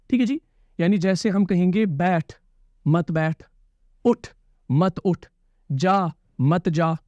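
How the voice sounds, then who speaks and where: Male grammar teacher, high voice, patient repetitive explaining, dry slightly dull recording. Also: a little mellow, no echo. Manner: explains patiently, repeats key terms, checks understanding with questions. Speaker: Quran and Arabic grammar teacher. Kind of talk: classroom-style grammar lesson.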